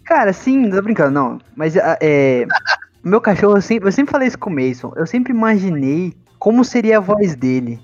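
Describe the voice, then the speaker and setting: A man with a fairly high voice jokes his way through a casual podcast chat. His banter is relaxed and teasing. The audio sounds dull and lo-fi, with faint music behind. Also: normal speed, no room sound. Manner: joking, laid-back banter.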